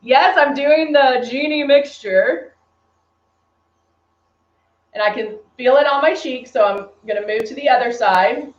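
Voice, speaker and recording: A high-voiced Texan woman works through a live makeup tutorial for a beauty brand, taking her time and leaving long pauses as she chats with commenters. The echoey room gives the stream a dull, lo-fi sound.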